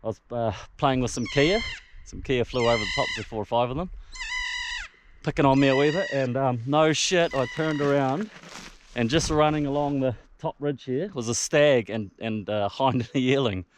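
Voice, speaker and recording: Male outdoor vlogger, mid-pitched, broad Kiwi accent, laid-back slangy delivery with mild swearing. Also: normal speed, a little hiss or hum. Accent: broad New Zealand. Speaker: hunter filming own trip. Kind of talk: casual outdoor vlog talk. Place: outdoors on open mountain tops.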